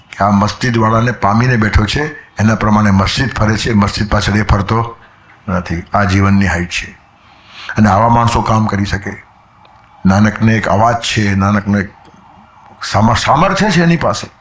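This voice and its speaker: A man's voice: medium pitch, fairly bright tone. Man giving a spiritual discourse in an echoey hall. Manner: storytelling, quotes verses, acts out voices. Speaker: spiritual speaker. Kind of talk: spiritual discourse with anecdotes and verses.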